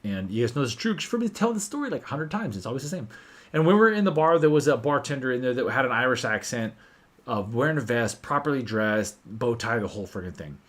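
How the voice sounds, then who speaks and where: A man hosting a casual whiskey livestream, animated and swearing freely as he tells stories. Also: mid-range voice, quick pace.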